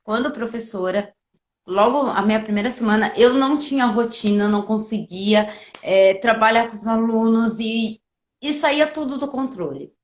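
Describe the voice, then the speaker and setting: A woman, a pedagogue hosting the talk, calmly explaining parenting ideas. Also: fairly high pitch, normal speed. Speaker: host, pedagogue. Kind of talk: educational talk. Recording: roomy echo.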